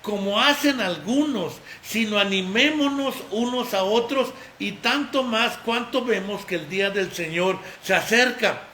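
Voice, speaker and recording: A man's voice: sits high, a little slow, hardly any pauses, sharp tone. A man, a pastor, preaching an informal sermon, emphatic and repetitive, chatting and laughing with the people near him. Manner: emphatic, repeats phrases, chats and laughs with those present. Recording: echoey room with faint noise.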